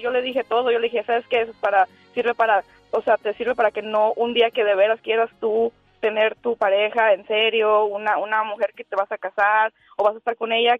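A woman in her forties rings in by telephone and tells a meandering, chatty story, giggling nervously and restarting often. Her voice is a little high, and the recording is dry, with the tinny quality of a phone line.

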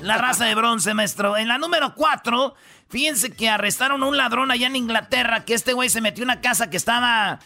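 Mexican man, radio host, high voice, very bright, gravelly, joking slangy banter. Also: brisk, faint music behind. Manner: joking, slangy banter, drops "güey" often. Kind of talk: comedic news countdown.

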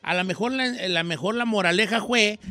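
A man, hosting a radio comedy show and telling a joke in a lively way. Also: high voice, normal speed, dry recording. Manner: lively storyteller acting out voices.

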